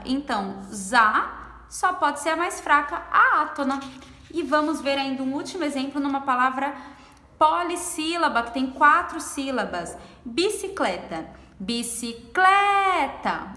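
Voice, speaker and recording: High, lively woman teaching in an echoey room. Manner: slow, drawn-out pronunciation of example words; explains patiently and checks understanding with questions. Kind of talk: Portuguese language lesson. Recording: echoey room with long reverb.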